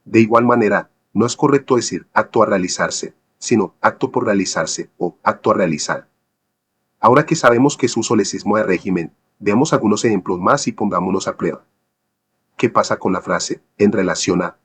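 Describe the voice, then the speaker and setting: Male lecturer, low husky voice, measured scripted explaining, asks rhetorical questions. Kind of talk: scripted educational narration.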